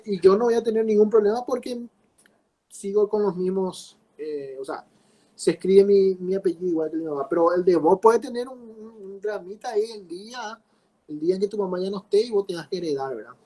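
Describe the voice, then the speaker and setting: A man's voice: high-pitched, fairly quick, dark tone, rough recording. A man teaching a class, explaining with repeated rhetorical questions. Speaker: law teacher. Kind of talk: class lecture.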